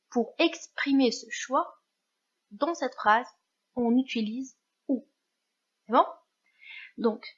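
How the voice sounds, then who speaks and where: A woman's voice: a little high, dull audio. A woman teacher giving a grammar lesson, patient and careful, often checking that her students follow. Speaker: French teacher.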